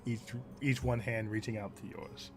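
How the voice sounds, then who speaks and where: A man narrating a tabletop game as game master in a slow, deliberate storytelling manner. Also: fairly low pitch, level tone, music in the background.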